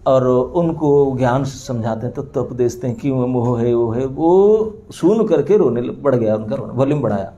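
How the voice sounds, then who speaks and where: A man's voice: mid-range voice, normal speed, hardly any pauses, highs cut off. A man giving a storytelling sermon in a temple hall, acting out the characters as he explains scripture to a seated audience. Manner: animated, acts out the characters' crying and pleading with laughter. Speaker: preacher.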